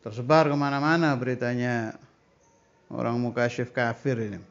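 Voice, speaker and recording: A man leading a Ramadan study lesson, reading Arabic passages slowly and then explaining each one in plain everyday speech. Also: mid-range voice, highs cut off. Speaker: religious teacher.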